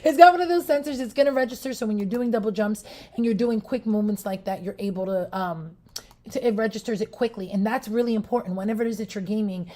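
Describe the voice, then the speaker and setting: On a shopping livestream, a Puerto Rican-accented woman casually reviews a product in a loose, chatty style full of restarts and asides to her viewers. Her voice is medium-pitched and mellow.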